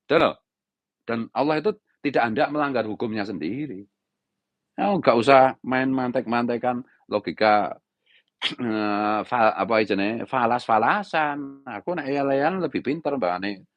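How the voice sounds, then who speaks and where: A middle-aged man with a Javanese accent, an Islamic preacher delivering an impassioned monologue in a harsh, raised-pitch scolding tone, often tagging lines with a filler phrase. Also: lively intonation, measured pace, no echo, lo-fi sound. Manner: repeats "gitu loh" as a tag. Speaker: Islamic preacher giving commentary.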